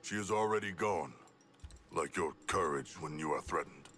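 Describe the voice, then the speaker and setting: An actor playing a huge, earnest shark warrior in a video game, with a formal, grandiose and literal way of talking. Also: male voice, very deep voice, moderate pace, fairly bright tone, breathy edge, full character voice. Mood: solemn, blunt. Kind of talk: video game cutscene acting. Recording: music behind the voice.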